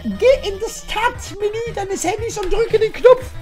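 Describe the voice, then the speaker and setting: A woman voicing a nervous, nerdy female lizard scientist who talks high and stammers. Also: unhurried, a little mellow, faint music behind. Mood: excited.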